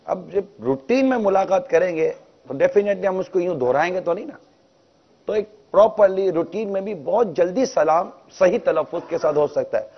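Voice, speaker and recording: A man's voice: high voice, vocal fry. A man gives a religious talk to a congregation in a mosque, often asking them rhetorical questions. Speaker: preacher. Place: mosque hall. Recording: dull, lo-fi recording.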